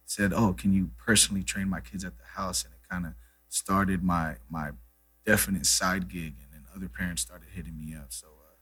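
A Brazilian man in his thirties, a native Portuguese speaker, chats casually as a guest musician in an interview. His voice is deep, breathy and fairly bright, with fairly even intonation and a moderate pace, and he's laid-back, saying "you know" and "man" a lot.

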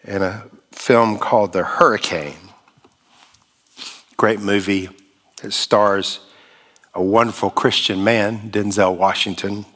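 A man preaching a sermon as pastor, measured and emphatic with long pauses. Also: lowish voice, fairly even intonation, fairly bright tone.

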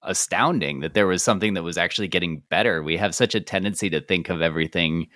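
A man co-hosting a casual podcast with a low voice. He thinks aloud in a rambling way with lots of fillers. The sound is dry and close. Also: fast, fairly bright tone, dry recording. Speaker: podcast co-host.

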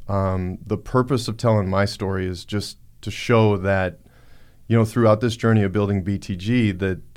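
A man hosting a podcast, talking earnestly with many fillers and restarts. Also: on the low side. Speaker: podcast host. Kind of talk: casual podcast talk.

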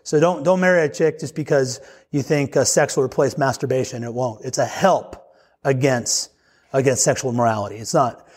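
A man's voice: medium pitch, normal speed, slightly rough. A man preaching a sermon to young men in a casual, joking, conversational way. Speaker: pastor.

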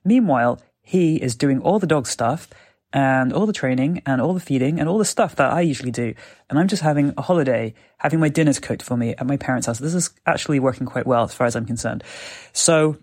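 A man's voice: medium pitch, fairly quick, darkish tone. British man, chatty dictaphone-style phone recording. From Britain. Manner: chatty, explanatory. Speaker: podcast host and gun dog trainer. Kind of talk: casual solo podcast talk. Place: parents' house. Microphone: mobile phone voice recorder.

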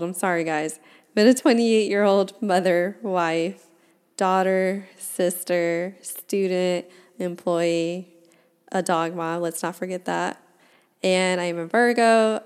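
Her voice is lowish and clean: a woman in her twenties running a solo podcast, chatting freely and frankly while laughing at herself.

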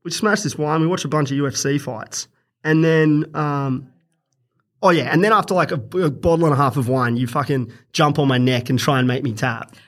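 A young man with a slightly high voice talks through a story in loose, casual chat. He swears constantly and gets lively and animated as the retelling builds. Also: a little fast. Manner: crude, swears a lot, animated when retelling stories. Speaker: podcast guest.

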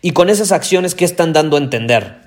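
A man with a Mexican accent hosting a podcast, talking loudly and intensely and repeating his key points for emphasis. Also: on the high side, lively intonation, fairly quick. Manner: loud, intense delivery. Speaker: podcast host. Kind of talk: motivational podcast monologue.

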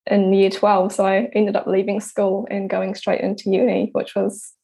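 A New Zealand woman in her twenties, an artist, answers interview questions as a guest in a relaxed but hesitant manner, pausing and restarting often. Her medium-pitched voice is gravelly and slightly rough.

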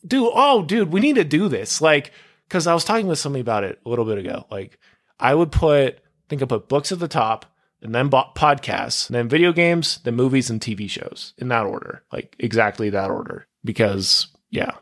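A young man hosts his podcast solo, speaking in a medium-pitched, very animated voice at a brisk clip with a fairly bright tone. His casual monologue rambles off on tangents and is packed with "like" and "dude."

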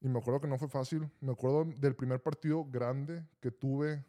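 A man's voice: mid-range voice, moderate pace. Slangy Mexican man telling stories. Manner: animated, slangy, says vato often. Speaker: podcast co-host. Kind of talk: casual storytelling chat.

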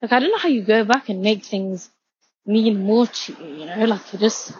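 A woman's voice: mid-range voice, normal speed, highs cut off, a little hiss or hum. A woman in her twenties rambling in a walk-and-talk vlog, out of breath as she walks outdoors and filling her talk with "like". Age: 20s. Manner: rambling, heavy use of filler "like". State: out of breath from walking. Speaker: vlogger. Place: outdoors, walking home from a station.

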